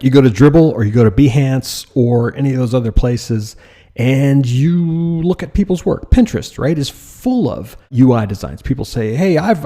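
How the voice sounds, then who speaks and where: A man's voice: mid-range voice, mellow, husky. A man teaching design in a direct lecture style, asking rhetorical questions and using mild sarcasm. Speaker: design instructor.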